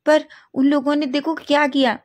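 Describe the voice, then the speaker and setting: Woman doing a young male superstar, spoiled, petulant, quick to shout, storybook voice. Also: high-pitched, flat delivery, pitched above the performer's own voice, lightly acted.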